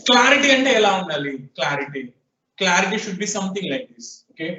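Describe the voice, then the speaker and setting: High-voiced Telugu-accented male teacher, quizzing students in class, echoey room, mic set far off. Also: big pitch swings, measured pace, sharp tone. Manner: questioning students, prompting answers. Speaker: programming teacher. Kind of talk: classroom lecture mixing Telugu and English. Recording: echoey room, distant, dull lo-fi sound.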